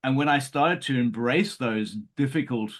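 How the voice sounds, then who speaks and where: A man's voice: medium pitch, moderate pace, fairly bright tone. A man hosting a podcast, talking earnestly and often restarting his sentences. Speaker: podcast host. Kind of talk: conversational podcast chat.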